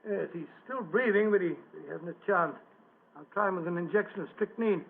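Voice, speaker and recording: An actor playing an earnest, puzzled gentleman doctor in a radio drama, hesitant and bluff. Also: sits high, fairly quick, gravelly, slightly rough, full character voice. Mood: anxious. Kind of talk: classic radio drama acting. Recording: muffled lo-fi vintage-style radio recording.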